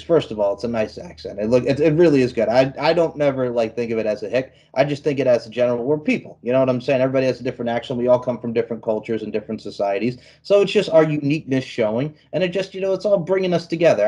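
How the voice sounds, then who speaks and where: A man's voice: medium pitch, mellow. A man from New York hosting an interview, talking in an emphatic, upbeat way. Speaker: interview host. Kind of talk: casual interview chat.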